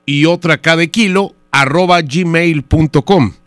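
A man playing a pompous, rambling hotel-owner engineer in a radio prank call, stalling with fillers and spelling things out slowly. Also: fairly high pitch, a bit bright, clear, resonant tone, dry recording. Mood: fussy. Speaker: prank caller.

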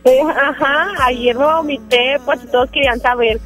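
A woman's voice: high-pitched, steady tone, normal speed, music in the background, rough recording. A woman calling in to a radio show, congested with a cold, chatting cheerfully and playfully on air. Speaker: radio caller. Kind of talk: casual phone chat on air.

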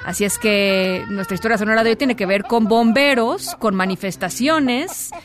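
A woman's voice: fairly high pitch, normal speed. A woman with a Mexican accent presenting radio news in a conversational style, as the show's host.

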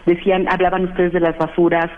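A woman's voice: on the low side, completely flat delivery, quick pace. A woman from Mexico, a guest institute director, speaking in a radio interview by phone with many fillers. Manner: affirming, talks with many fillers. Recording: phone line.

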